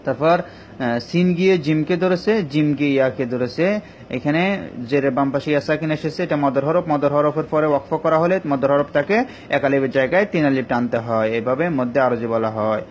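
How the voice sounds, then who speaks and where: A male teacher giving an online Quran recitation lesson, explaining each rule patiently and step by step with many pauses. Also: a little high. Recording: dull lo-fi recording with faint ambient noise.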